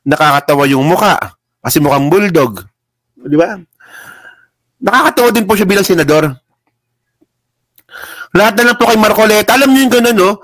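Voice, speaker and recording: A man's voice: high-pitched, a bit bright, dry recording, poor audio. A man hosting a casual political commentary livestream, mocking and laughing often as he reads headlines aloud. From Philippines. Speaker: political vlogger. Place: indoors at a laptop.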